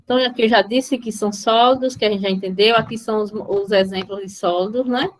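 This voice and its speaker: A mathematics teacher with a Brazilian accent runs a live online class informally, often stopping to question her students and check on them. Her voice is medium in pitch with fairly even intonation, and she talks fast.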